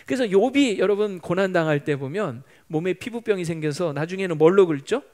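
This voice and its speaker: A man's voice: sits high, expressive, a little fast, a little mellow. A middle-aged male pastor preaching a Sunday sermon in a church, telling a story and acting out the prayers of the people in it. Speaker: senior pastor. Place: church sanctuary.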